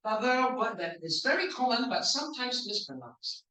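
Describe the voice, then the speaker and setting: A Singaporean man gives a playful speech evaluation at a club meeting, sounding out words slowly for the room to repeat. His voice is bright and clear. He stands back from the mic, and the room echoes heavily. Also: very high-pitched, big pitch swings, far from the mic. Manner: playful, drills words aloud slowly for the audience. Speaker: language evaluator at a speaking club.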